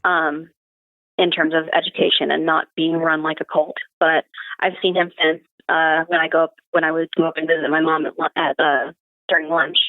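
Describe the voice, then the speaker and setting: Her stories come across casual and matter-of-fact: a young adult woman, a guest on a podcast, speaking over a remote call with thin, phone-like sound. The voice is deep and flat, at a normal pace, in a dry recording.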